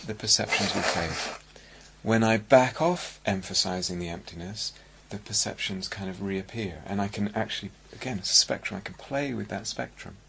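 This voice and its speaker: A middle-aged man with an English accent giving a dharma talk as a meditation teacher, speaking in a reflective, halting way with many restarts. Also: fairly low pitch, gravelly, a bit bright, a little hiss or hum. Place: meditation hall at a retreat centre.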